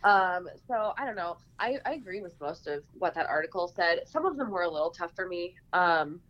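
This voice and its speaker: A woman's voice: lowish voice, expressive, a little fast, muffled recording. A woman co-hosting a podcast, chatting and laughing about parenting with many fillers. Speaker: podcast co-host. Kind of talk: casual chat.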